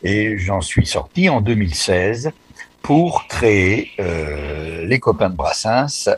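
A man in his eighties from the Paris suburbs, a guest on a radio interview, talking in a folksy, halting, wry way. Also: on the low side, lively intonation, husky. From Paris suburbs, France. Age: 80s. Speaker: association president, guest.

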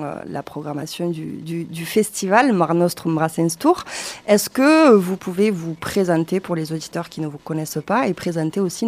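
A woman hosting a radio interview, asking friendly, somewhat halting questions. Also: fairly low pitch, darkish tone. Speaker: radio host.

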